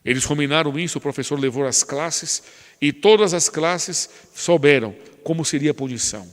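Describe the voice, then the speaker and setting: A man's voice: fairly high pitch, moderate pace, long reverb tail. A man preaching a sermon as a pastor, telling a story dramatically and then building to fervent emphasis. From Brazil. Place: church.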